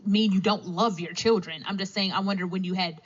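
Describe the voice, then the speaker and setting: A woman hosting a podcast, her pitch in the middle range. She listens closely and follows up with probing questions. The recording sounds dull and lo-fi. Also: a little fast, slight background noise. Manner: probing, attentive, with steady "mm-hmm"s. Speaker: podcast host. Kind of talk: interview chat.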